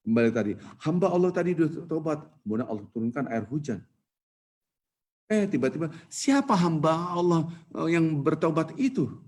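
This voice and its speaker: Man, preacher, husky voice, Ramadan sermon in a mosque, lively storytelling with acted voices. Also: normal speed. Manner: storytelling, acts out quoted voices with rising pitch.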